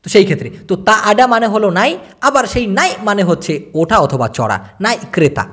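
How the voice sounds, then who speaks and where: A man from Bangladesh, teaching a casual video language lesson and repeating words slowly for learners. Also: sits high, expressive, fairly bright tone.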